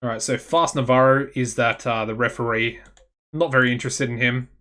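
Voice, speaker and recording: An Australian man chatting casually as he plays a management game, thinking aloud and getting excitable. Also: medium pitch, brisk. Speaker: gaming channel host.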